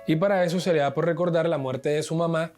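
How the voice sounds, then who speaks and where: A man gives a video lesson on acting, explaining clearly and talking straight to his viewers with casual asides. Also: fairly high pitch, quick pace, a little mellow, faint music behind. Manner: didactic, addresses viewers directly with casual asides. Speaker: acting teacher.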